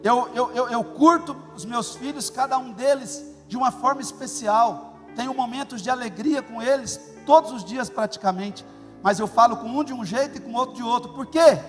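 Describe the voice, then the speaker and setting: High-voiced middle-aged pastor guy, preaching hard with big stresses, long church hall echo. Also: moderate pace. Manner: emphatic, animated preaching with sudden loud stresses. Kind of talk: sermon. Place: church auditorium. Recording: long hall reverb, faint music.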